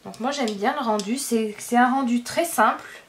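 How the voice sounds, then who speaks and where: A woman hosting a casual coloring tutorial, chatty and relaxed, with frequent fillers and small self-corrections. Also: a little high, normal speed, a little hiss or hum.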